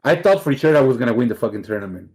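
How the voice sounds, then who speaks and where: On a podcast, a laid-back middle-aged Mexican man with a Mexican accent rattles off casual stories, cursing nonstop and laughing easily. His slightly mellow mid-range voice is animated and races along quickly.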